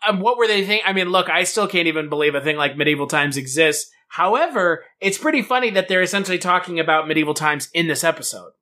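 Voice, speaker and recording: A man's voice: a little high, expressive, fast talker, few pauses, bright, forceful tone. A man co-hosting a podcast in casual comic chat, riffing with incredulity and some swearing. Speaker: podcast co-host. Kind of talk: casual comic chat about an old TV show.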